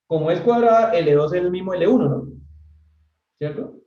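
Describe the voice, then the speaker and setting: A high-voiced man speaking at normal speed runs a casual civil engineering lecture, full of chat and jokes with his students. He constantly asks "¿sí?" to make sure they're following. The audio is dull and roomy, recorded from off mic.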